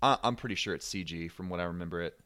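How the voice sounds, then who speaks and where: A man with a low voice hosts a casual podcast chat, riffing and cracking jokes as he goes. His voice is recorded dry and close, with almost no room sound. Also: very fast, sharp tone, no room sound. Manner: joking, riffing. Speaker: podcast host.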